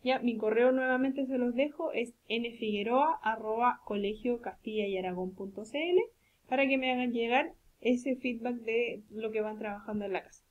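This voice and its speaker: A woman with a Chilean accent and a rather high voice gives a recorded lesson to young children as a speech therapist. She talks slowly and patiently, repeating examples and checking that the listeners follow. The recording sounds dull and lo-fi. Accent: Chilean Spanish. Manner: patient, slow and deliberate, checks understanding with tag questions. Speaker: speech therapist teaching a virtual class.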